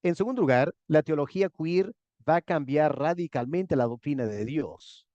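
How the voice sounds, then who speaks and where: Measured man lecturing on theology. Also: a little high, expressive, darkish tone, dry recording, dull audio. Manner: measured, repeats key words, checks in with "¿ok?". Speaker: pastor lecturing a master class.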